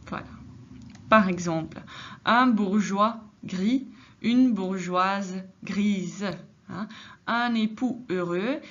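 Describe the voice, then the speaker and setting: A woman teaching a grammar lesson, patient and explanatory, often adding a tag "hein". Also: medium pitch. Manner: patient, many filler "hein"s, switches into Dutch for translations. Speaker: French teacher. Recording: slightly dull lo-fi recording.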